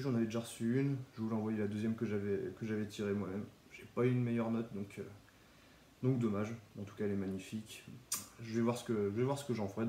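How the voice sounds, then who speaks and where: A relaxed young man who collects Pokémon cards shows off his cards in a casual YouTube vlog while stuffy with a cold. He's chatty, with a lowish voice and small restarts. The room is reverberant, with slight background noise.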